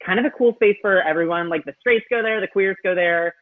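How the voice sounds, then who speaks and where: A drag performer talking casually and hesitantly, with many fillers. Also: male voice, high-pitched, fairly quick, no echo, phone-quality sound. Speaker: drag queen contestant. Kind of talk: casual chat.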